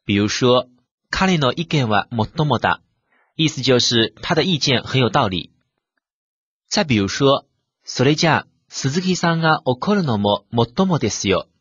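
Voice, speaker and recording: A man's voice: mid-range voice, lively intonation, moderate pace, fairly bright tone, breathy edge, dry recording, muffled recording. A man teaching a vocabulary lesson. He works methodically through example sentences and translates each one. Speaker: language teacher. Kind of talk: vocabulary lesson explaining Japanese words.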